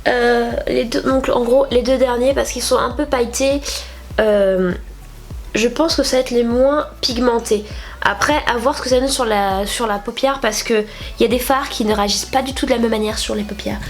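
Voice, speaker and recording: A slightly high, fairly evenly intoned voice at a normal speed belongs to a young beauty vlogger from France. Nasal and congested from a cold, she chats casually through her makeup tutorial, rambling and using lots of fillers.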